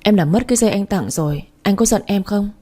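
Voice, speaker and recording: A woman's voice: medium pitch, expressive, fast, dark tone, husky. A woman voicing a scheming young stepmother who speaks in a falsely sweet, wheedling way in a storybook reading. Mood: sly coaxing. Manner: fake pleading, wheedling.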